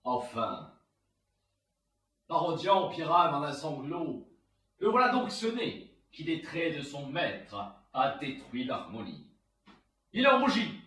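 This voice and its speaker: Witty proud swashbuckler, hammy stage verse, slow grandiose delivery, bright ringing voice, theatrical monologue. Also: male voice, fairly high pitch, exaggerated voice. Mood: scornful, proud. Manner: hammy, declamatory stage acting. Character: proud, witty, mocking swashbuckling poet Cyrano de Bergerac. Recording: roomy, echoing, far from the mic.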